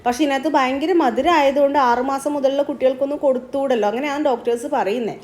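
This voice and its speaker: A young mother and family vlogger chats casually at home, explaining her cooking and her day as she goes. Her voice is high-pitched and darkish, with a steady tone and a quick pace.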